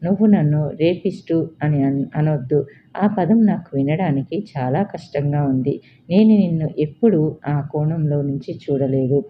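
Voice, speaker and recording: A woman narrator playing a stern young male boss in an audiobook drama, low-voiced and insistent. The recording is a bit dull, with faint hiss. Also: lively intonation, normal speed. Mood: remorseful. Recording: slightly dull lo-fi.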